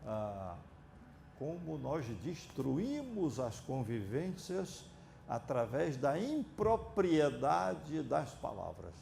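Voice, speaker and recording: A Brazilian psychiatrist giving a reflective, digressive lecture in an auditorium, with drawn-out pauses and hesitant fillers. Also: male voice, fairly high pitch, very animated, vocal fry, darkish tone, slight background noise. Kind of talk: unscripted lecture.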